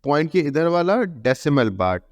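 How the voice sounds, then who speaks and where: A very animated male math teacher with a slightly high voice and Indian English accent explains a lesson at normal speed on a lo-fi recording with long reverb. He repeats key terms, raises questions only to answer them himself, and mixes English terms into his Hindi explanation.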